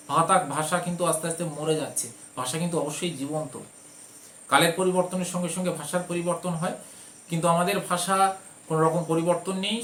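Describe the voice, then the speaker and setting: Guy teaching a class, bright high voice, lots of ums, echoey room. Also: slight background noise. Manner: explanatory, repeats points with frequent fillers. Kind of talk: explaining a school text.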